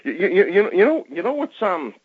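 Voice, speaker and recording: A man with a Boston accent calling a radio show, talking in a halting, rambling way and repeating words as he goes. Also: high-pitched, very animated, breathy edge, dry recording. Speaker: radio call-in listener. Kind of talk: rambling call-in opinion. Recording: dull lo-fi call-in line.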